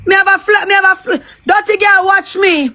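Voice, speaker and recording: A woman with a Jamaican accent shouting crude, repetitive taunts in a heated live-stream argument. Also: very high-pitched, level tone, a little fast.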